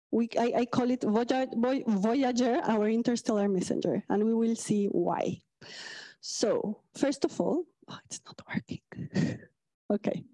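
Woman from Mexico, 30s, public science lecture; higher voice, mellow tone. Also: poor audio. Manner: friendly, halting with restarts. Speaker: astrophysicist giving a public talk. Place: lecture hall.

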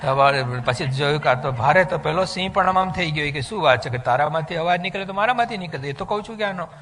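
A man giving a devotional sermon in an animated storytelling way, slipping English phrases into his talk. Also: a little high, fast, in a large hall, a little hiss or hum. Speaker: religious speaker giving a discourse.

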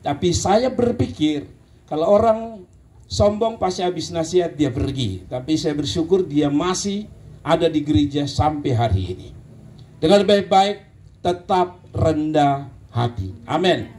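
A man with a Kupang Malay accent, preaching a sermon and telling stories, rising to emphatic bursts and dropping low. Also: animated, unhurried, darkish tone. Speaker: pastor.

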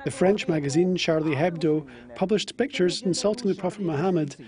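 A man narrates a scripted news report. His voice sits high for a man, with a dark, relaxed tone that has very little edge to it. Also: fairly quick. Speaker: news reporter voice-over translator.

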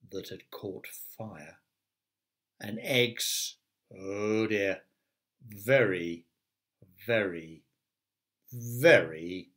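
A man who teaches primary school, reading a children's story aloud with chatty asides to the young listeners. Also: lowish voice.

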